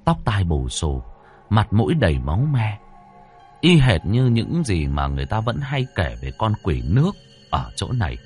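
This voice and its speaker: A man narrating a ghost story in a dramatic, expressive way. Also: fairly low pitch, normal speed. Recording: dry close voice over faint music.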